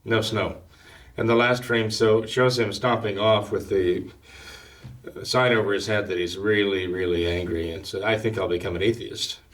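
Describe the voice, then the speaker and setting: Low-voiced priest, a bit off-mic. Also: male voice, fairly even intonation, fairly bright tone. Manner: measured, hesitant, full of fillers and restarts. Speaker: priest and guest. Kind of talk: casual talk-show discussion. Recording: somewhat distant from the mic.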